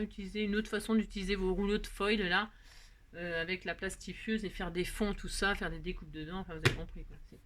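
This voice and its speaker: A woman's voice: mid-range voice, a bit bright. A woman hosting a chatty crafting tutorial, rambling and self-mocking, talking to herself as she works. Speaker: craft video host.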